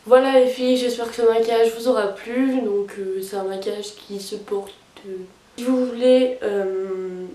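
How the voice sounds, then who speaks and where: A woman's voice: on the high side, steady tone, moderate pace, mellow, recorded from a distance. A young woman talking through her makeup routine in a casual, hesitant way, with many fillers. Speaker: beauty vlogger. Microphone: camera mic at a distance. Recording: roomy sound, camera set back.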